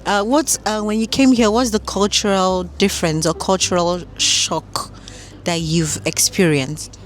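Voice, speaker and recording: A woman's voice: medium pitch, steady tone, measured pace. A woman interviewing passers-by on a city street, upbeat with short prompts.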